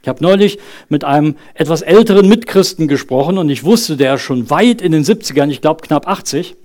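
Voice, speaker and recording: A man's voice: a little high, animated, brisk, a little mellow. A man in his thirties preaching a sermon in an earnest, conversational way, asking the congregation questions and leading a prayer. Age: 30s. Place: church service.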